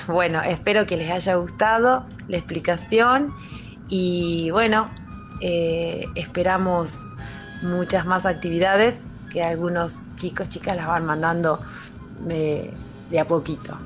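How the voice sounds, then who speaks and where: A woman with an Argentine accent, a music teacher giving a patient, step-by-step explanation on school radio, often pausing with fillers. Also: on the low side.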